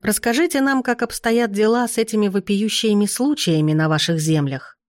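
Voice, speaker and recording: A woman's voice: medium pitch, moderate pace, dry recording, clean studio sound, lightly acted. A woman voicing a smug male doctor in an audiobook, wry and lecturing.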